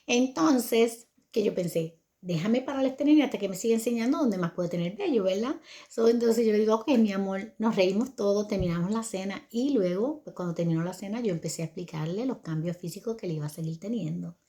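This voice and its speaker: A woman's voice: mid-range voice, lively intonation, a little fast, mellow. An older woman telling viewers a family story about raising her son, in a conversational manner that often checks in with listeners.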